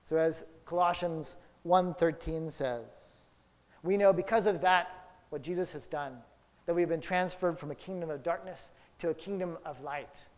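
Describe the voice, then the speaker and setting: A man preaching a sermon, telling a childhood story and then drawing Bible lessons from it, with big swings between loud and soft. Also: on the high side, a little slow. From Houston area. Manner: storytelling, dramatic swings in loudness. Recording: long hall reverb.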